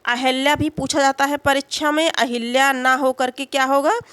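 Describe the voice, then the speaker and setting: A woman with a fairly high voice teaches grammar in an unhurried, patient way. She keeps asking a question and answering it herself, with many small fillers and check-ins. The recording is dry and close, with no room sound. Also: little pitch movement, fairly bright tone, dry recording. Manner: explains slowly, asks and answers her own questions. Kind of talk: exam-prep grammar lesson.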